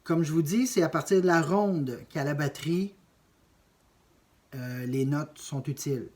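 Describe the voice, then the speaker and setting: Man, drum teacher, slow deliberate explaining, counts beats aloud. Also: on the high side, darkish tone. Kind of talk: music lesson.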